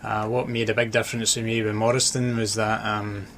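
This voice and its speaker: A Dundee-born author and sports journalist chats casually as a guest on a radio interview, pausing to think as he goes. His low, slightly bright voice barely rises or falls, his Scottish accent mixes Dundee, Glasgow and Edinburgh, and there's clear background noise.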